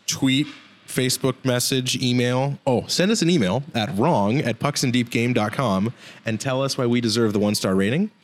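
A man co-hosting a casual hockey podcast, joking and rambling with quick asides. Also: medium pitch. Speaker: podcast co-host.

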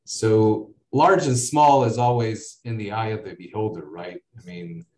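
This interview guest is a man from the United States whose low voice has a darkish tone. He chats casually and wanders, dropping in "uh," "you know," and side remarks. The mic is far from him, and the room echoes noticeably.

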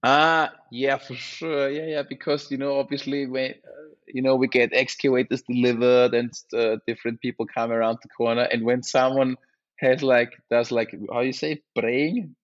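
A man with an Austrian accent, a native German speaker, chatting casually and haltingly as he searches for words. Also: medium pitch, flat delivery, dull audio. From Austria, small village. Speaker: interview guest, mountain bike rider. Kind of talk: casual chat.

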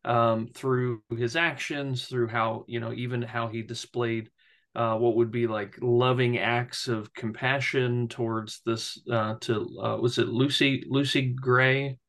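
A man's voice: medium pitch, little pitch movement, unhurried, fairly bright tone. A man co-hosting a casual podcast discussion, with wry, self-deprecating humor. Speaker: podcast co-host.

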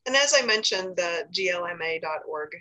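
An American woman giving informal information as a podcast guest, in a halting, hesitant way. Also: lowish voice, animated, sharp tone, poor audio. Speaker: podcast guest, safe zone trainer.

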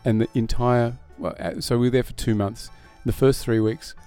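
A man's voice: mid-range voice, steady tone, moderate pace, warm tone, clear, resonant tone, faint music behind. A middle-aged musician, a man, chatting as a podcast guest, rambling and self-deprecating with frequent laughs. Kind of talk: casual podcast interview.

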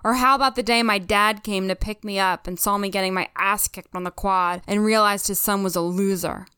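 A woman's voice: medium pitch, steady tone, brisk, pushed and bright, clear, resonant tone, no room sound, clean studio sound, natural voice. A woman reading aloud the lines of a bitter, bullied teenage boy.

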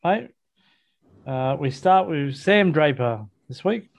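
A man's voice: on the high side, expressive, takes it slowly, vocal fry. An Australian man hosting a casual football podcast, talking in a matey, colloquial, blokey way. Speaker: sports podcast host. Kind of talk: casual football chat, match review.

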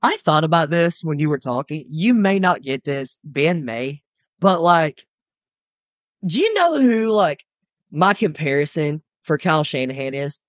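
A man's voice: fairly high pitch, big pitch swings, unhurried, no echo. A young man on a sports podcast who makes his case step by step and keeps checking in with "okay?". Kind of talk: casual sports chat.

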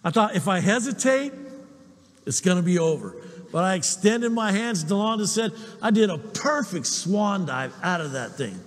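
A man, a pastor preaching a sermon, telling stories with animated, self-deprecating humor. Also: sits high, moderate pace, in a large hall.

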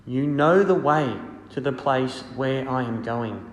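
A priest reading the gospel and preaching a homily in a slow, measured, solemn way, heard with a cathedral-like echo. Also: male voice, mid-range voice. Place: large church. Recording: long reverberant church echo.

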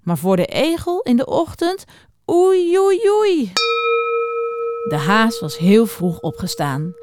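Expressive woman reading a children's story. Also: mid-range voice, normal speed. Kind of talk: children's story read-aloud.

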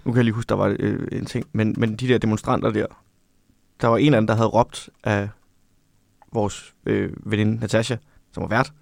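A man in casual podcast chat, making wry, deadpan jokes. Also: fairly low pitch, gravelly, dry recording.

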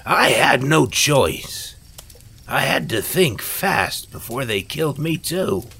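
A man's voice: fairly low pitch, sing-song, vocal fry, breathy edge, heavily acted. A man voicing a cackling, treacherous male villain who gloats and mocks. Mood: gloating. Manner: mocking, boastful, quick to shout.

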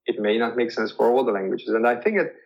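A male interview guest, Hungarian by first language, talks fast in a creaky, mid-range voice. He answers with care but repeats words as he searches for the right expression, all captured on dull lo-fi audio.

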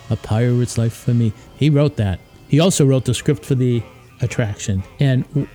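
A man hosting a podcast, telling history in a relaxed, casual way, often pausing with uh and um. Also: medium pitch. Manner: relaxed, hesitant, with frequent uh and um. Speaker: podcast host. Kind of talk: casual informal history talk.

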